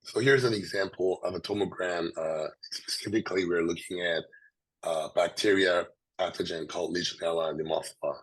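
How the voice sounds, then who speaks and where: A man with a hoarse, swollen sore-throat voice, giving a halting scientific presentation. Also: deep voice, steady tone, rough recording. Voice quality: hoarse, husky. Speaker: presenter, researcher.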